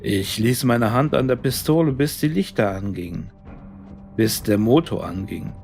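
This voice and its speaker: A man narrating a scripted horror story in a deliberate, suspenseful, dramatic way. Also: medium pitch, animated, creaky, darkish tone, faint music behind.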